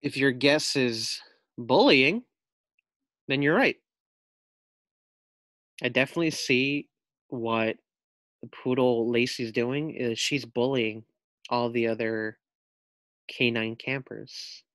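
A male teacher reads a children's picture book aloud expressively, pausing to ask his young listeners questions. His voice is medium-pitched and fairly bright, with no echo.

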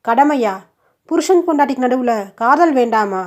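A woman's voice: sits high, lively intonation, normal speed. A woman voicing a proud, stubborn young woman who answers in a curt, defensive way. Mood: firm.

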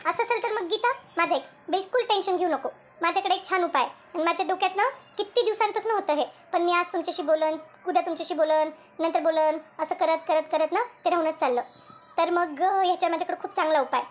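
A woman's voice: very high voice, fast talker. Shantabai, a woman-voiced bossy cartoon villager. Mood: explaining. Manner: explains at length, bossy. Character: bossy chatty village woman, group leader. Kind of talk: cartoon voice acting.

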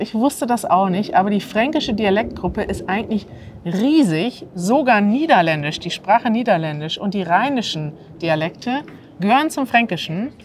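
A woman in her thirties from northern Germany, with a mid-range voice, teaches standard German outdoors, clearly and energetically asking her guest to repeat words. The setting is a courtyard by an ivy-covered wall, and a little hiss or hum is audible.

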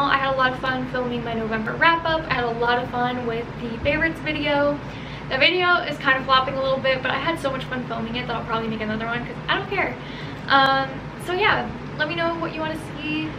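A young adult American woman chatting casually and informally to her vlog viewers, recorded indoors at home. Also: sits high. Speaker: vlogger. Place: small bedroom and home kitchen, indoors. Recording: steady fan noise behind home recording. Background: whirring room fan.

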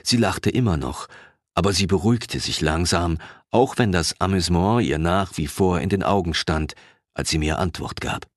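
A man narrating a fantasy audiobook in the first person, telling the story in an expressive, unhurried way. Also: sits low, no room sound, clean studio sound.

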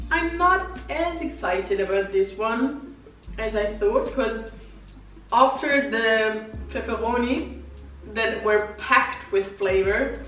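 Young woman vlogger, slow and giggly, tasting food, higher voice, recorded far off in an echoey room with soft music. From Vienna. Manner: chatty, giggly, tastes food while talking. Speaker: vlogger reviewing vegan food. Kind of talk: casual food review. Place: living room with wicker sofa, indoors. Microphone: far camera.

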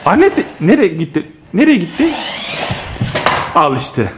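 Excitable father narrating a home vlog. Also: high voice, measured pace, background noise. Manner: excitable, exclaiming, addresses viewers as friends. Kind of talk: casual family vlog narration. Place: home living room.

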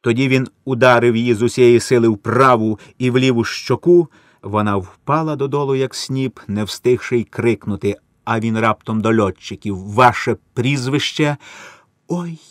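A man reading a story aloud in a solemn, measured manner, his mid-range voice steady and even. The recording is dry and close, with no room sound. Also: medium pitch, no echo. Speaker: narrator.

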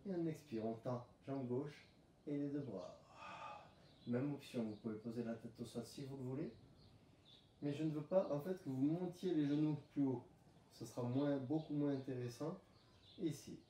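In a home room, a man coaches pilates with calm cues and breath counts, his voice dark and mid-pitched at an ordinary pace. The camera mic sits far off, so the sound is roomy, and a faint hiss or hum runs underneath.

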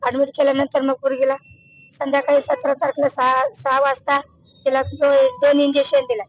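Woman giving testimony, high pitch, flat delivery, halting and repetitive, colloquial. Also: muffled recording, a little hiss or hum. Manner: halting and repetitive, restarts words; colloquial Marathi speech. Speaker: mother of a deceased patient. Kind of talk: emotional testimony to a reporter.

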